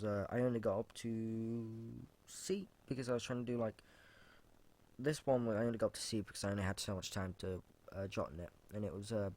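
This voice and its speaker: A man hosting a casual solo podcast, rambling informally with fillers, restarts and casual swearing, and reading out his own rap lyrics. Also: fairly low pitch. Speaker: podcast host.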